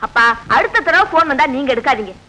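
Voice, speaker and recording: A woman's voice: high voice, very animated, fast, pushed and bright, slight background noise, full character voice. An actress playing a spirited young woman who teases and stands her ground, in a 1970s film scene. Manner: playful teasing, then spirited. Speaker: young woman in love, daughter.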